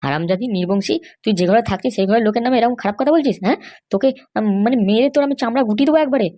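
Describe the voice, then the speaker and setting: A woman voicing a hot-tempered young husband in a cartoon, threatening and shouting insults. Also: a little high, very fast, lightly acted. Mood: angry. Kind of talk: cartoon voice acting.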